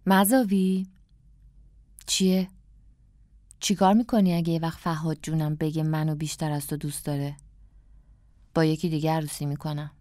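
A woman's voice: low-pitched, fairly even intonation, long pauses, warm tone, dry recording, studio quality, natural voice. A woman voicing a jealous little girl of about five who quarrels over a sweetheart, speaking in an indignant, pleading way. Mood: teasing.

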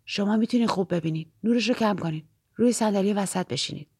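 A woman voicing a quiet, wry young man who runs a boat, speaking low and calm. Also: breathy edge, no echo, studio quality. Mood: instructing. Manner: calm, laconic, low-voiced.

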